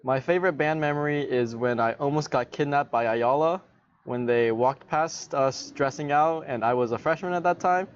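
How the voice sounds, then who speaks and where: A teenage boy telling a quick, amused anecdote in an interview. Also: a little high, highs cut off, a little hiss or hum. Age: late teens. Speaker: graduating marching band member. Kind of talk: casual interview answer.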